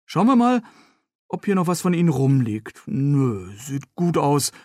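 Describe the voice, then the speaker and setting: A man's voice: on the high side, sing-song, a little slow, darkish tone, dry recording, studio quality. A man reading as a cheerful young rescuer. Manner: cheerful, joking. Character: young friendly helpful man with a dog. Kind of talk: read-aloud novel dialogue.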